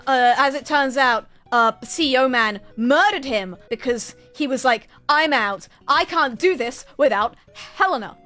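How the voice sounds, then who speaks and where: A woman streamer chattering rapidly and nonstop, retelling a story in an animated, exasperated and dramatic way. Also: high-pitched. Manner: exasperated, incredulous, dramatic retelling with acted-out quotes. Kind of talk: animated rambling storytelling to an audience.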